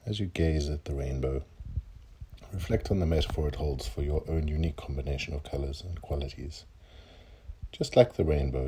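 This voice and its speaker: Deep husky man guiding meditation slowly. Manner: slow, soft-spoken and calm, trailing into breathy near-whispers. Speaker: meditation guide. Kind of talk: guided meditation.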